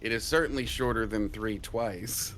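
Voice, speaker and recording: A man's voice: on the low side, normal speed, fairly bright tone. A man chatting casually with a friend during a game, rambling and loose in his talk. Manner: rambling, loose, laughs easily. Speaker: co-player guest. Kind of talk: casual gaming chat.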